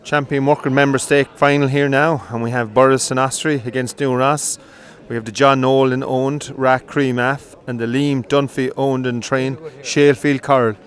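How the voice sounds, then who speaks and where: A man giving live commentary on greyhound coursing from an outdoor field, brisk and rising with excitement during the runs. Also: mid-range voice. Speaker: race commentator.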